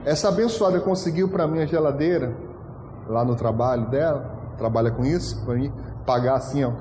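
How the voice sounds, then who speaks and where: A pastor preaching a storytelling sermon, animated and acting out dialogue with frequent laughter. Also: male voice, mid-range voice, fairly quick, background noise. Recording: echoey hall with long reverb.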